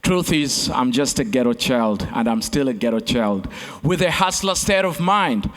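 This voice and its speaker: A man's voice: mid-range voice, expressive, normal speed. A man from Uganda, giving a rhetorical keynote speech on a conference stage, with repeated phrases and direct appeals to the crowd. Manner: repetitive oratory, addresses crowd as friends. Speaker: keynote speaker and competition host. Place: large conference hall stage. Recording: long reverb of a large hall.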